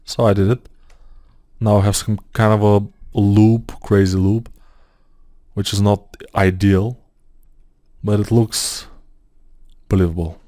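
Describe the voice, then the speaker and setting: A 3D modeling tutor with a Bulgarian accent narrates his computer work in a screen-recorded software tutorial, thinking aloud slowly and hesitantly, with many "uh"s and non-native phrasing. His low, mellow voice has a flat delivery. The dry, close recording sounds like a desk mic at a computer.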